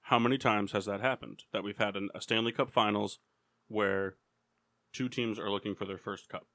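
A man hosting a casual sports and beer podcast, running a trivia game in a halting, rambling way with lots of ums. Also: on the low side, steady tone, a bit bright. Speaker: podcast host. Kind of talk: casual drinking podcast chat.

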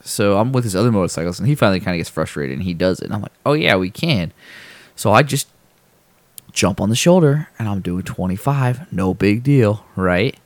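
A man in a casual podcast chat, telling a relaxed, rambling story with fillers and restarts and acting out other people's lines. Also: fairly low pitch, brisk, dry recording. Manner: acts out people's lines in a raised voice when telling stories. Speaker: podcast host.

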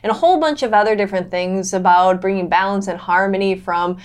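A woman's voice: mid-range voice, fast talker, clear, resonant tone. A woman hosting a podcast interview, talking with enthusiasm and drifting into long reflective sentences. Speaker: podcast host. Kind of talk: casual interview chat.

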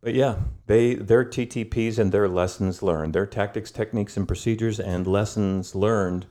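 A middle-aged man, a guest historian, telling history in a thoughtful, storytelling way with pauses and fillers. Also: on the low side, fairly even intonation, warm tone. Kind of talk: conversational history lesson.

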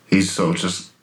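Casting: deep-voiced male game master, narrating a horror game, laughs often. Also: noisy background.

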